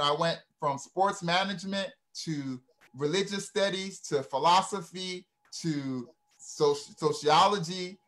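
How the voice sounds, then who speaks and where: A man's voice: on the high side, a bit bright. Earnest man from Ghana telling stories. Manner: earnest, tags phrases with "right?" and "you know". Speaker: guest speaker. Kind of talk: reflective conversational storytelling.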